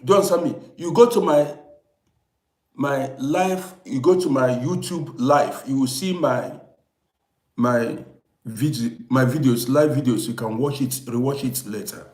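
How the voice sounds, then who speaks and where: This man's mid-range voice is a little mellow and moves at a measured pace. He's a fifty-eight-year-old storyteller from Vienna, Austria, hosting a casual livestream where he talks emphatically to viewers and keeps insistently repeating himself, all with echoey room sound.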